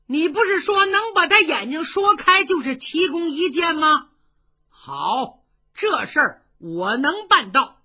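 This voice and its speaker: A woman storyteller voicing a boisterous, joking older male general who talks loud, high and teasing, on a dull lo-fi recording. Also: big pitch swings, a little slow, full character voice. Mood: coaxing. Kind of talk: traditional storytelling.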